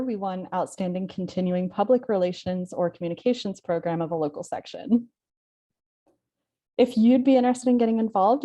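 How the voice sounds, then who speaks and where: A woman hosting an online webinar over a video call, speaking plainly with some halting self-corrections. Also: medium pitch, warm tone. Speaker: event host.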